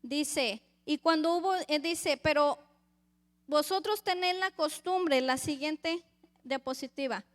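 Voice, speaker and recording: A woman preacher delivers a sermon, reading scripture aloud and addressing the congregation as brothers. Her voice is high and a little slow, and she acts out the voices of crowds.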